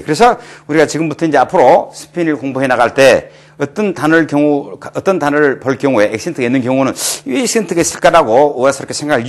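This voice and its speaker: Lively Korean man teaching a lecture. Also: mid-range voice. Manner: explains slowly and clearly, repeats example words with stress. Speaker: Spanish grammar teacher. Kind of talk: recorded grammar lecture.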